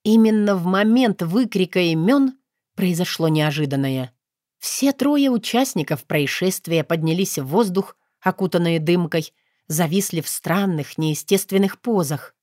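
A woman narrating a fantasy audiobook in an expressive storytelling manner. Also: lowish voice, measured pace, dry recording, clean studio sound.

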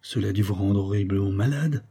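A man voicing a grave, slightly ironic young gentleman in an audiobook, dry and measured. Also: lowish voice, slightly rough. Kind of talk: audiobook reading.

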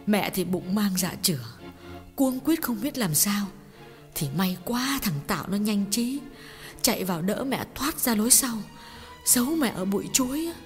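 A woman voicing a grieving middle-aged mother in an audiobook drama, telling a painful story in a tearful, halting way with repeated words. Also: mid-range voice, animated, natural voice. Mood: sorrowful. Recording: long reverb with background music.

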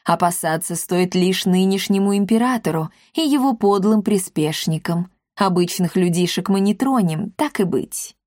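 A commanding tomcat who runs a gang of talking cats, voiced by a woman reading a storybook. He speaks low and unhurried, with growling threats. The sound is dry and close. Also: darkish tone, dry recording, close to an everyday voice. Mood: scheming. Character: gruff male talking-cat gang leader.

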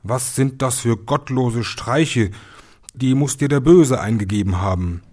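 A man voicing a stern, worried peasant father in a fairy tale, scolding his son in a louder, husky voice. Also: fairly low pitch, measured pace. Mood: outraged. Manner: scolding, sighing.

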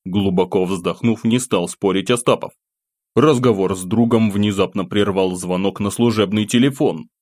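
A man with a low, deep voice narrating a first-person audiobook. His delivery is calm and wry, and the close, dry recording has no room sound. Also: moderate pace, dry recording.

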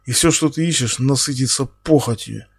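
A man voicing a menacing male captor who speaks slowly and quietly, taunting his victim. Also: mid-range voice, vocal fry, slightly rough, dry recording. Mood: quiet menace. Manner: slow, quiet, taunting, bursts into shouting.

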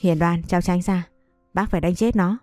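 A woman voicing an enraged older father, low dark voice, harsh scolding. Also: fairly even intonation, moderate pace, dry recording, clean studio sound, faint music behind, lightly acted. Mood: furious. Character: stern grieving old father, furious.

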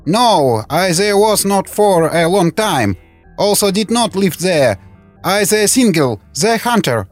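A man voicing a scared middle-aged foreign hunter who pleads in halting, broken English. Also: high-pitched, big pitch swings, pitched above the performer's own voice, heavily acted. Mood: nervous, pleading. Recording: dry studio with faint music.

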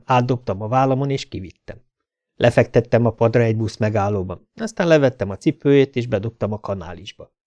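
A man's voice: medium pitch, darkish tone. Laconic male audiobook narrator. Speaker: audiobook reader. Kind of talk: audiobook narration of a hard-boiled novel.

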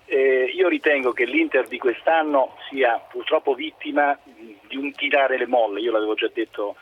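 A man's voice: medium pitch, normal speed, slight background noise. A male caller from the province of Fermo, talking on speakerphone to a sports phone-in show and arguing his point insistently. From Italy, province of Fermo. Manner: argumentative, insistent, defends his club. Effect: on speakerphone over a phone line. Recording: tinny speakerphone phone line.

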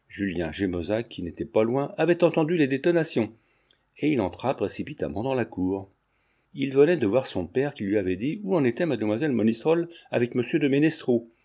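A man narrating a novel in a measured, steady reading voice. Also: mid-range voice. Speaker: audiobook narrator.

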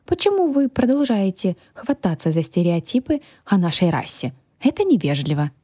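A woman voicing a touchy, haughty male genie who has come to work as a cook, speaking in a slow, offended drawl. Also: mid-range voice, very animated, warm tone, dry recording, studio quality. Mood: indignant. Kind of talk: audiobook character voice.

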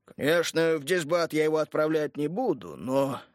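A stubborn, pompous army major who talks slowly and stiffly, lecturing about rank, as a male narrator voices him. His voice is a bit lower and heavier than the narrator's own, recorded dry and close. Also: expressive, dry recording, natural voice. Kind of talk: audiobook character reading.

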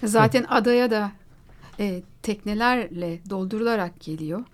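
A woman hosting a radio talk program in a studio, introducing a guest calmly. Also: mid-range voice, moderate pace. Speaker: radio show host. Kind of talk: radio talk show interview.

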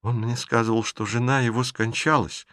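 A man voicing a gentle young woman who answers in a quiet, subdued way in an audiobook reading. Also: medium pitch, steady tone, normal speed, no echo, studio quality, lightly acted.

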